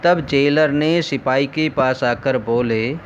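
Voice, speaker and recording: A man's voice: mid-range voice, slow pace, slight background noise. A man teaching a lesson, explaining things step by step and asking rhetorical questions along the way. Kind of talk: recorded lesson. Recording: dull lo-fi recording.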